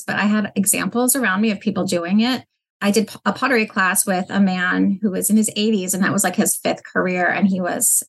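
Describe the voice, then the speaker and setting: A woman founder answering interview questions in an earnest, reflective way. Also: medium pitch. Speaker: guest, business founder.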